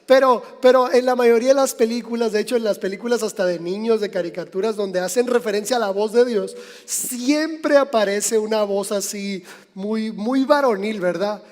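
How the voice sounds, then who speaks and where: A pastor with a high voice and a Mexican accent talks to his congregation directly and conversationally during a sermon, at normal speed. The church sanctuary leaves a long reverb on his words.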